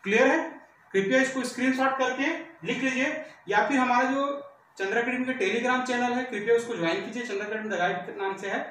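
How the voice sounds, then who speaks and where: A male teacher giving an exam-prep vocabulary lesson, repeating each word with a question and often asking if it is clear. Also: extremely high pitch, brisk, fairly bright tone, a little hiss or hum. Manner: repeats words with rhetorical questions, checks "clear?". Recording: very echoey room, voice from far off.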